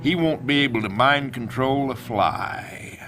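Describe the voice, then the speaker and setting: A man's voice: medium pitch, unhurried, loud music behind the voice, natural voice. Man acting a drawling Southern general, Carville. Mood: amused, satisfied. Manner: drawling, folksy. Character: folksy, hearty male American army general.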